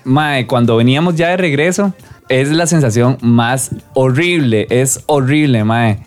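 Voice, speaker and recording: A young Costa Rican man tells animated stories in a casual chat, often breaking into laughter. His voice sits a little high. Faint music plays behind him. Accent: Costa Rican Spanish. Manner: animated storytelling with frequent laughs.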